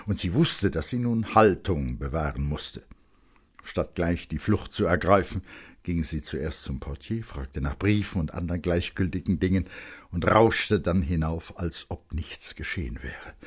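A man reading literary prose aloud as a narrator in a measured, dramatic manner. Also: sits low, breathy edge. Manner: measured, dramatic, with sudden quiet and loud turns. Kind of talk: scripted literary narration for radio.

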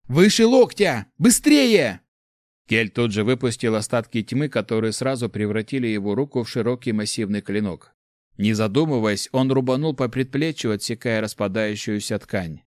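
Low voiced guy reading a fantasy audiobook, steady, really dry close sound. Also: brisk, no room sound. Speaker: audiobook narrator. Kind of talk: scripted fantasy narration.

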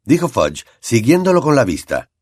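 Expressive male audiobook narrator. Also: medium pitch, moderate pace, slightly rough, no room sound, studio quality. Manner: expressive storytelling. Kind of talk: scripted narration.

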